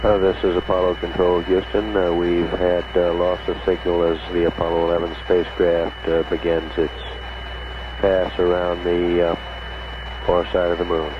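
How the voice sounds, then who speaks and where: Low, flat male mission control announcer over radio. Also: noisy background. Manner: halting, measured official delivery. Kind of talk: live spaceflight commentary. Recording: narrow-band 1960s space mission radio audio.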